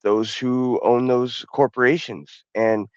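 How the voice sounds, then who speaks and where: A middle-aged man speaking as a guest on a podcast, in a measured, reflective way. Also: medium pitch, little pitch movement, smooth, dry recording, muffled recording. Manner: measured, reflective, some restarts. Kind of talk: podcast interview.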